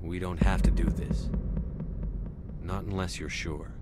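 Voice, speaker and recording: A man's voice: low-pitched, steady tone, a little slow, heavy background noise. A man acting as a steadfast, decisive military commander in a video game. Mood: reassuring, gentle. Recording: loud game music behind.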